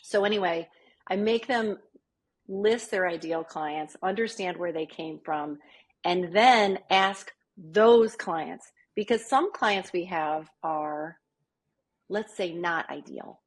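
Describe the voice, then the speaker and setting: A small business coach appears as a podcast interview guest, chatting in a lowish, husky voice at a slow pace. She keeps checking in with listeners, frequently asking "right?"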